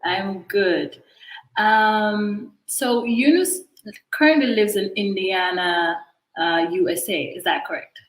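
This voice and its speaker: A woman's voice: mid-range voice, slow pace, roomy sound, rough recording. A woman hosting an interview show who greets her guest and asks questions in a friendly way, with some fillers. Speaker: host.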